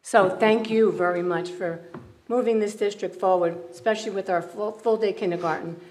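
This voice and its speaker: A woman's voice: medium pitch, steady tone, moderate pace, darkish tone. A woman presiding over a public school board meeting, reading a formal resolution and calling for motions, with small restarts and fillers. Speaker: board of education presiding officer.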